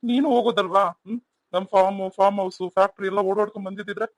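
Voice actor playing cartoon grandpa, wise and fond, quick delivery. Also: medium pitch, fairly even intonation, no echo, close to an everyday voice. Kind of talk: cartoon voice acting.

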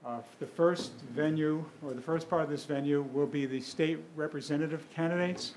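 An older man, the moderator of a public candidates forum, explaining the rules at a podium microphone in a relaxed, halting way with many fillers. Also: fairly high pitch. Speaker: event moderator. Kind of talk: opening remarks at a public forum. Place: school meeting room, at a podium. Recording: roomy hall with faint room noise.

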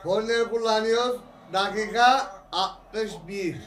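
A man with a high, bright voice reacts live to a football match in an echoey room. He calls the play like a commentator and shouts and curses at the players. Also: steady tone, takes it slowly, faint music behind. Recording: roomy echo.

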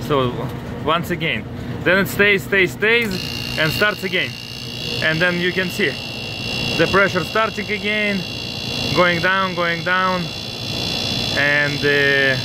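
A repair technician, a man with a heavy Russian accent, explaining his hands-on work in halting, repetitive phrasing. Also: high-pitched. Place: outdoors on a commercial rooftop. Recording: noisy outdoor handheld recording, traffic ambience.

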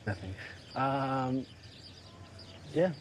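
An actor in his twenties playing a relaxed, curious young American man trying new words and food. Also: medium pitch, extremely slow, a little hiss or hum. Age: 20s. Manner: relaxed, curious, fumbling pronunciation. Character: young American man Dan, easygoing visitor. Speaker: lead character. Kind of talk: film dialogue.

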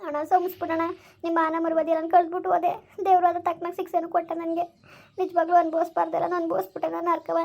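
; a woman plays a pleading young sister, rapid speech, amateur village drama. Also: extremely high pitch, monotone, gravelly, dull audio. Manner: pleading, anxious.

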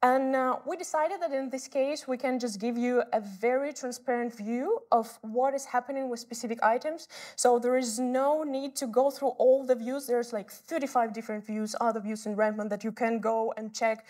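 A woman product expert giving a live webinar demo of software, explaining earnestly and often pausing with filler sounds. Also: on the high side, fairly even intonation. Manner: hesitant, many filler sounds.

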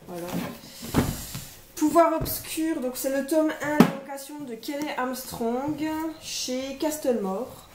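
A young woman vlogger casually presenting her book pile, hesitant and full of fillers as she names title after title. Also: high voice. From France. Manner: hesitant, many fillers, lists titles one by one. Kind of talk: casual chat presenting books. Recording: echoey room, faint noise.

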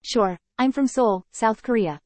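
A woman saying short English sentences for learners, repeating each phrase three times in a careful, even delivery. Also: a little high, a little slow, no room sound. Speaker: model speaker for English learners. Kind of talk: slow repeated example sentences.

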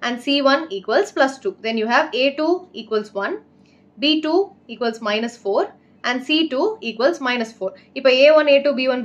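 A young woman with a South Indian Tamil accent, a native Tamil speaker, teaching an online maths lesson step by step in an instructive way with short check questions. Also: a little high. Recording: slightly dull, lo-fi audio.

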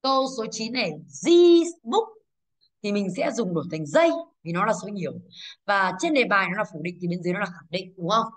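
A woman's voice: medium pitch, fast talker, a bit bright. A woman teacher with a Vietnamese accent going over exam answers, explaining patiently, checking in with rhetorical questions and correcting herself. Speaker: English teacher. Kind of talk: exam review lesson.

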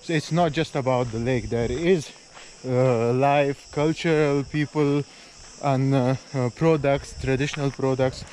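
A man's voice: mid-range voice, fairly even intonation, a little slow, a little mellow. A man, chatting casually as a travel vlogger on a forest trail and later while driving, with lots of fillers and restarts, filmed on an action camera held at arm's length. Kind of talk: casual travel vlog narration. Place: outdoors on a forest trail, then driving a car. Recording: noisy outdoor and car ambience.

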